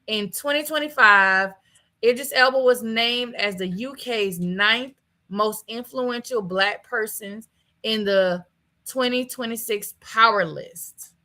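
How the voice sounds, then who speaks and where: Woman host, casual girl-talk chat, animated delivery, voice pitched a bit high. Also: slow pace, poor audio. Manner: chatty, animated, laughs often.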